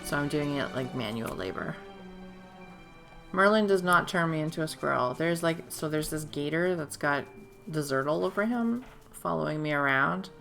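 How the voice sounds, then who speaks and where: A woman streamer, hoarse and losing her voice, chatting casually while playing a game at home. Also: sits low, lively intonation, normal speed, fairly bright tone. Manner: chatty, rambling, self-interrupting. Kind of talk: casual live gameplay commentary. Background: game music.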